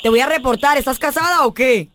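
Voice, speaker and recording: A man's voice: very high voice, brisk, heavy background noise. A man voicing a jealous wife who angrily confronts a woman on a prank call. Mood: angry. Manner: scolding, accusing. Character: jealous angry wife accusing a rival. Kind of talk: prank call radio comedy.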